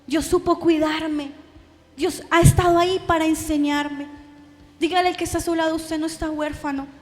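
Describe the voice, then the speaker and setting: A woman, preaching a sermon in an animated, playful way and laughing often. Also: high-pitched, in a large hall. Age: 30s. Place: church hall.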